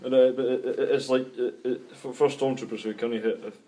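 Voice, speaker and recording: A man co-hosting a podcast in casual chat, halting and full of "like". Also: mid-range voice, steady tone, warm tone. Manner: quick, halting, many "like"s and restarts. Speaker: podcast co-host.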